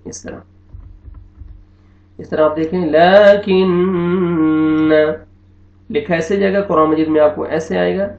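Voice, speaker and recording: A man with an Urdu accent teaching Quran reading in an online lesson, explaining patiently and repeating each word slowly. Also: fairly high pitch, fairly even intonation, vocal fry, faint music behind. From Pakistan. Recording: echoey, dull lo-fi room.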